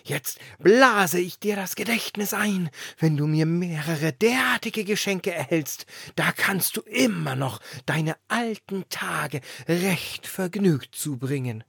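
A man putting on a booming, blustering wind spirit. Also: lively intonation, creaky, breathy edge, dry recording, clean studio sound, heavily acted. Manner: loud, booming, drawn-out.

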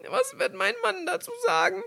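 A man voicing a proud young princess who has fallen into hardship, in a high, strained falsetto. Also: fairly even intonation, moderate pace, gravelly, full character voice. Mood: wailing.

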